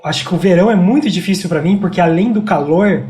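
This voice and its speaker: A man from Brazil, a teacher and podcast guest, speaking slowly and hesitantly, often trailing off. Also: sits high, darkish tone, roomy sound, slight background noise. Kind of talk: casual conversation.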